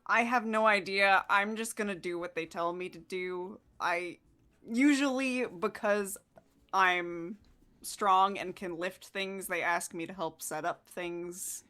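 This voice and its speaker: Tabletop student role woman performer: sharp bright tone, hesitant, shrugging, self-effacing. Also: mid-range voice, slow pace. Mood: unsure. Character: unsure, reluctant strong new student. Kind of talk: tabletop role-play acting.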